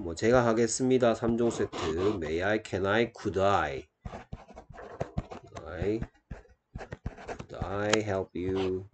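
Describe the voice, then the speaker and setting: A man teaches an English textbook dialogue, drawing out each English line slowly before explaining it. His voice sits low and his pace is unhurried. A faint hiss with occasional clicks lies under the recording. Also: darkish tone, muffled recording. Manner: reads English lines slowly and deliberately, then explains in Korean.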